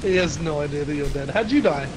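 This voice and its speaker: A man with a high voice chats easily with his friends over a game and teases them gently. Steady noise runs under his voice chat. He talks at an ordinary pace. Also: fast talker. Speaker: streamer playing with friends. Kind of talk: casual gaming chat.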